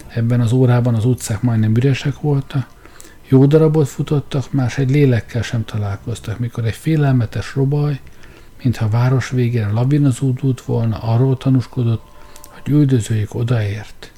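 A man's voice: medium pitch, warm tone. A man narrating a story in a dramatic audiobook reading.

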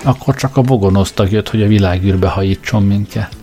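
A man's voice: fairly low pitch, over music, natural voice. Man playing a dry, unflappable space traveller. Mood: grim. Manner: matter-of-fact, offhand, dry.

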